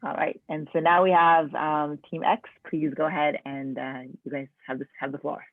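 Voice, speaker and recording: A man's voice: on the high side, little pitch movement, moderate pace, dry recording. Male host, loose filler-heavy emcee, tinny dry call line. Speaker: event host. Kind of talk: hosting a video call event. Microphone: video call microphone.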